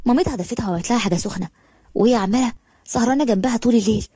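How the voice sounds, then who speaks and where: Rapid breathy Egyptian female storyteller. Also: fairly high pitch, mellow, no room sound. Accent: Egyptian Arabic. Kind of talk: romance story narration.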